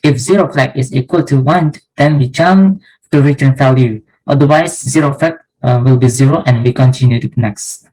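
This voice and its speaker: A man's voice: mid-range voice, normal speed, darkish tone, rough recording. A young man from Indonesia, a student, methodically explaining code step by step in a class presentation. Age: young adult.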